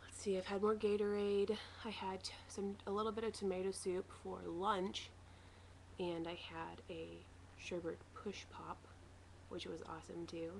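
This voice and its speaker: A woman's voice: mid-range voice, little pitch movement, normal speed, slight background noise. A woman talking casually and matter-of-factly in a rambling personal video diary, recorded at home. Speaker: vlogger sharing a weight-loss surgery recovery diary.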